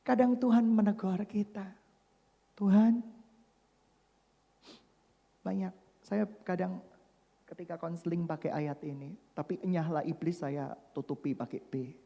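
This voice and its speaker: A male pastor preaching a sermon, swinging from loud emphatic declarations to soft hushed asides, and adding joking remarks. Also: fairly high pitch, steady tone, a little slow, vocal fry, pauses often, lo-fi sound. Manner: jokes and mimics people mid-sermon. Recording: long reverb of a large hall.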